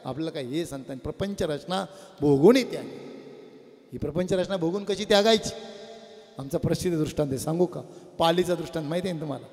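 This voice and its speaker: High-voiced man preaching in a reverberant hall. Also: fast. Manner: lively storyteller, asks the audience questions. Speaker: religious discourse speaker. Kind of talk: devotional sermon with parables. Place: before a live audience.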